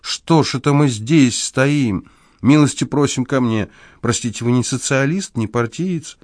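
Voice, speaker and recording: A man's voice: medium pitch, lively intonation, measured pace, no echo, studio quality, voice pushed up. A man putting on a whining frightened old man. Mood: eager. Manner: whining, plaintive, agitated. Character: fearful whimpering old man, fussy.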